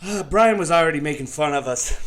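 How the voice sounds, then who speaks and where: A man's voice: fairly high pitch, expressive, a little fast, a bit bright. A man co-hosting a podcast, chatting casually about the news in a loose, rambling way with lots of fillers. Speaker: podcast co-host.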